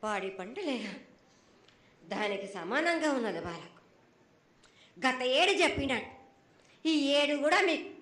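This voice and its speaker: At a temple festival, a woman acting as an oracle speaks as a goddess in a prophetic trance voice, delivering a prophecy. Her voice is on the high side and a bit bright, and her short, broken, repetitive phrases sound stern and admonishing.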